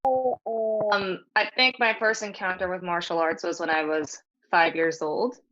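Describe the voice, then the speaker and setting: A woman's voice: lowish voice, steady tone, unhurried, fairly bright tone, dull audio. Hesitant New woman on a call. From New York City. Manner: thoughtful and hesitant, with many fillers. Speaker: guest, naginata practitioner. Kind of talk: casual interview chat.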